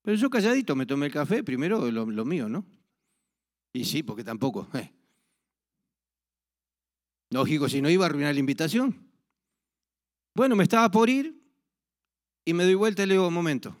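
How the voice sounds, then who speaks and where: A man's voice: fairly high pitch, very animated, normal speed, long pauses. Man preaching in a story-telling sermon. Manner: storytelling, acts out dialogue, frequent restarts. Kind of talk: sermon with personal anecdote.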